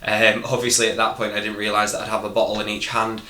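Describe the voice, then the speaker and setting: Speaking to camera as a vlogger, a man from northern England recounts things casually, candid and a little hesitant. His Northern English voice is lowish, monotone, quick and sharp, and the recording sounds roomy and echoing.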